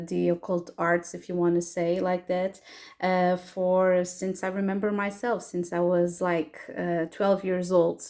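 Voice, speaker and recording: Fairly low-pitched and a little mellow, this woman's voice carries a Portuguese accent as she speaks English as a second language. She's a tarot reader and astrologer from Portugal leading a casual pick-a-card reading, hesitant and prone to fillers and restarts.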